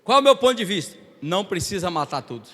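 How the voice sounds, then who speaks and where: A male Brazilian guest preacher delivering a Pentecostal sermon, moving from quiet storytelling to shouted, rhythmic calls to the congregation. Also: high voice, sing-song, fast talker. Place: large church hall. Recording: long hall reverb.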